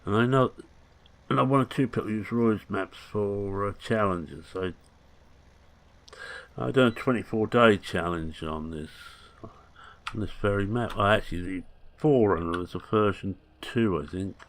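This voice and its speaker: A gaming channel host in his 60s chats casually over gameplay commentary, tossing in rambling, jokey asides. He speaks in a lowish voice at an unhurried pace.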